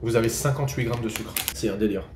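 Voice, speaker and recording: A fast-talking Frenchman with a medium pitch reviews snacks in a casual tasting vlog, thinking aloud and swearing carelessly while eating. The audio has background noise, roomy echo and faint ambient sound.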